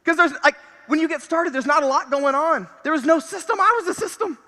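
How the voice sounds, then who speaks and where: A man giving an energetic motivational talk on a convention stage, with punchy lines that repeat key phrases. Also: extremely high pitch, fairly quick. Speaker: convention speaker. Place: large convention hall. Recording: reverberant convention hall.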